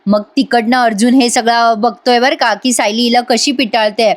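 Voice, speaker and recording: Woman, voice-over recap, chatty, storytelling, talks to viewers, high voice. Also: fairly even intonation, normal speed, no room sound. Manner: chatty, addresses viewers directly. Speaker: serial review narrator.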